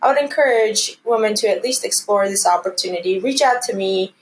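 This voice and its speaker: Speaking briskly in a mid-range voice, an Armenian woman in her thirties appears as an interview guest and is a commercial real estate team lead. She replies conversationally, sounding earnest and encouraging. The audio is poor, with a little hiss or hum.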